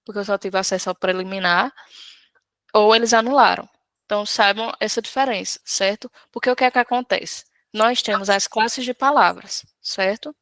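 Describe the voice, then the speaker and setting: In a dry recording, a woman speaks at a moderate pace with a steady, slightly bright, medium-pitched voice. She's leading a live Portuguese class, explaining an exam question patiently and in steps while often pausing to ask her students "certo?".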